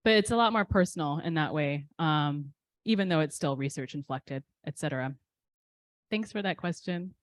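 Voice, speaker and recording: With a deep voice at normal speed, a thirty-something poet guest gives casual, candid answers to audience questions, poking fun at herself and filling gaps with ums. The recording is dry and of studio quality.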